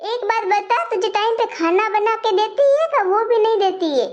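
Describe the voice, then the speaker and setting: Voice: very high voice, moderate pace. A performer playing a nagging grown daughter who scolds and complains in a comic family skit. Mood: scolding. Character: nagging grown daughter, sharp-tongued and bossy.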